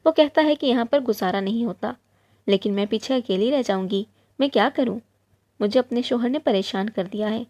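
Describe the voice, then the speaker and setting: A woman narrating an emotional moral story in the first person, in an earnest, steady storytelling tone. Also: fairly high pitch.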